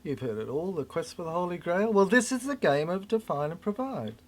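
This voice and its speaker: With an expressive, mid-range voice, an elderly speaker wanders through a cryptic, rambling monologue. The delivery comes in halting bits, with phrases repeated for emphasis.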